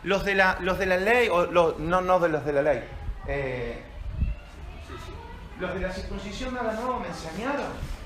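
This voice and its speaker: High-voiced pastor preaching with slow emphasis. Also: male voice, expressive, a bit bright. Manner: slow, emphatic stresses on key phrases. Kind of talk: sermon.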